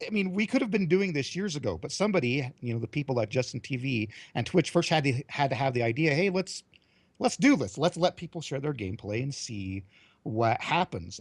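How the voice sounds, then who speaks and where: A middle-aged man speaks in a casual podcast chat at a medium pitch. He muses thoughtfully, often restarting his sentences. The recording sounds close and dry. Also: no echo.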